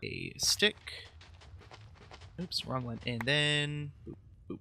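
Bright, animated man with faint hiss. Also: mid-range voice, slow pace, gravelly. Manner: teasing, giggly, talks to himself while crafting. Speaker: co-host gamer. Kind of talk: casual co-op gameplay chat.

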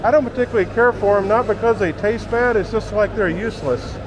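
A man's voice: high-pitched, fast, background noise. A man giving casual walking-tour commentary in a market, exclaiming and marveling aloud. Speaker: travel vlogger. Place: indoor market hall.

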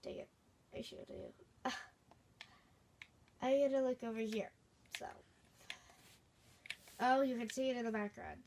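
A woman's voice: a little high, fairly even intonation, measured pace, pauses often, a little mellow, slight background noise. A woman casually chatting as she hosts her own gameplay video, rambling and playful. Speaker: gaming video host.

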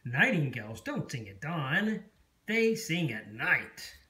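A reader voicing a gentle, friendly nightingale in a read-aloud storybook, soft and reassuring. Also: mid-range voice, sing-song, slow pace, background noise.

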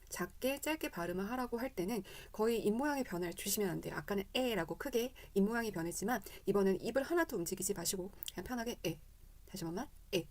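Brisk Korean woman teaching English vowels. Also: medium pitch, darkish tone. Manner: demonstrates English vowels with repeated drills. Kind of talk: casual spoken lesson.

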